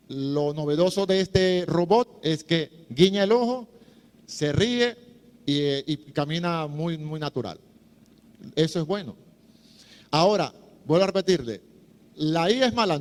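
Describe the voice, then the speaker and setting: Middle-aged male preacher, chatty and humorous, resonant and slightly high, echoey hall. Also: clear, resonant tone. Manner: chatty, humorous, acts out voices. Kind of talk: sermon-style teaching talk.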